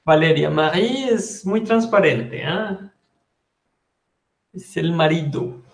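High-voiced man teaching French patiently. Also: slow, vocal fry, echoey room. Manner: explains patiently, repeats and spells words. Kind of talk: online language class.

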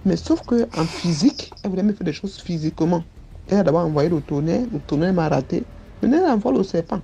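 A woman's voice: on the low side, fairly quick, vocal fry, mellow, slight background noise. A woman giving an earnest personal testimony, recounting what happened to her step by step.

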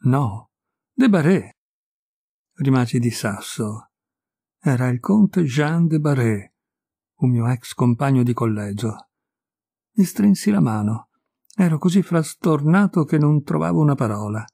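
A man reading a short story aloud in a measured storytelling cadence. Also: medium pitch, expressive, creaky, mellow, husky, no room sound, studio quality. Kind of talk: audiobook reading.

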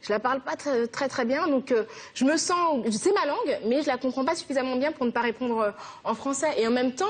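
A young woman from France, a guest in a TV interview, answering earnestly and quickly, thinking aloud as she goes. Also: high voice, breathy edge. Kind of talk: TV interview conversation.

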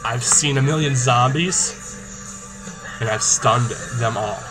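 A young man talking casually to camera in a video diary, playful, animated and boastful. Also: mid-range voice, slow pace, music in the background, low-quality recording. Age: young adult. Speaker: video diarist in a zombie tag game. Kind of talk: casual vlog talk to camera. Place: small indoor room. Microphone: webcam or laptop mic at arm's length. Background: rock song playing.

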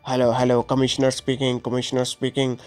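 A man's voice: mid-range voice, monotone, a little fast, a little mellow, faint music behind, pitched below the performer's own voice, lightly acted. A man voicing a traitorous police commissioner giving orders over the phone. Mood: scheming. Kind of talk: gameplay story voice-acting.

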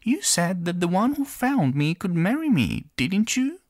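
Give me a sweet, pleading young princess from a storybook, as a man reading aloud puts her on, high and bouncy. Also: sing-song, unhurried, no echo, studio quality.

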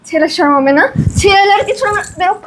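A woman's voice: extremely high pitch, fairly quick, background noise. A woman playing a cruel, bossy young daughter-in-law, scornful and ordering. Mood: domineering.

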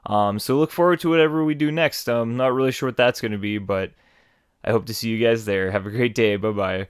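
A man's voice: mid-range voice, fairly quick, smooth, no room sound, clean studio sound. A man talking casually to his viewers in a rambling, apologetic manner as a gaming host. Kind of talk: casual unscripted announcement to viewers. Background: music.

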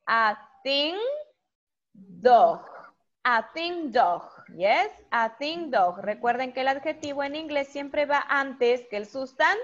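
A woman teaching a primary school English class online, drilling vocabulary with slow, patient repetition. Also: high voice, a bit bright, muffled recording.

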